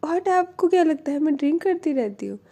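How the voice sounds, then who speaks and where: A woman's voice: high voice, expressive, fast, mellow, pitched above the performer's own voice. A woman voicing a bold young woman who insists on her love, pleading one moment and sharply exasperated the next. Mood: frustrated.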